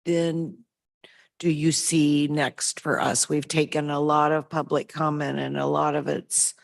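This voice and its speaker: A woman commissioner with a low, creaky voice addresses a meeting. Her tone stays even, and she phrases things slowly and carefully. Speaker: commissioner questioning the chair. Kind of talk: deliberate meeting talk.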